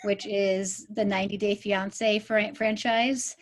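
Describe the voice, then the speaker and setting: A woman's voice: mid-range voice, little pitch movement, a little slow. A woman comedy writer on a panel, answering with wry humor and anecdotes.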